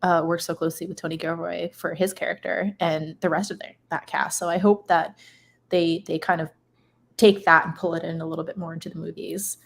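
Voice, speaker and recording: A woman's voice: on the low side, level tone, a little fast, creaky. A woman co-hosting a podcast in casual chat, wry, with hesitant restarts. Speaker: podcast co-host.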